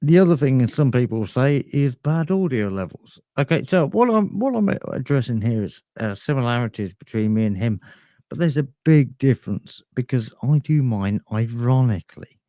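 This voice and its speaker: Podcast host, male, mellow, dry close sound, rambling boastful ironic banter. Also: mid-range voice, lively intonation, normal speed, no room sound. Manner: rambling, boastful, filler-heavy.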